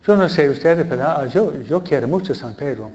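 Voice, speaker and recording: A man's voice: on the high side, lively intonation, brisk, a little mellow, dull audio. A man preaching a sermon in a conversational way, often asking his listeners questions. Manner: conversational, asks the audience questions.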